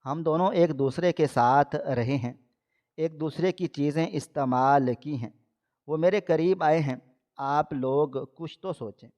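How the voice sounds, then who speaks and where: A man's voice: a little high, a little mellow, close to an everyday voice. A man voicing a young married woman who pleads with her family, read in his own plain voice. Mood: pleading. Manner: pleading, insistent. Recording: dull lo-fi audio.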